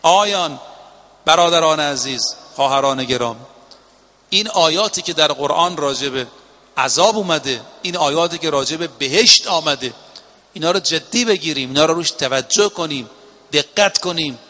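A man preaching a sermon to a gathering, telling a story and acting out its lines, with drawn-out emphatic phrasing. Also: on the high side, bright, forceful tone. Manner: impassioned, drawn-out emphatic phrasing with quoted dialogue. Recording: long reverb of a hall.

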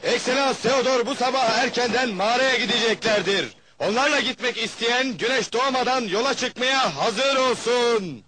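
An actor playing a town crier in a period drama, calling out news to the people in a proclaiming manner. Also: male voice, very high voice, normal speed, long pauses. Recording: loud music behind the voice.

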